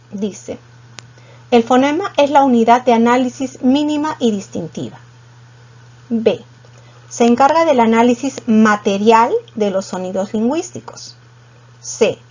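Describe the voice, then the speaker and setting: A woman's voice: fairly high pitch, darkish tone. A woman, teaching a class and working through exam questions patiently, step by step, asking her students questions. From Peru. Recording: dull lo-fi sound.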